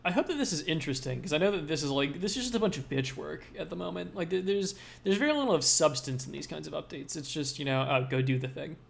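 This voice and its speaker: Livestreaming his programming work from his desk, a man with an animated, creaky, somewhat high voice talks fast with few pauses. He mumbles to himself as he codes, thinking aloud casually and hedging loosely.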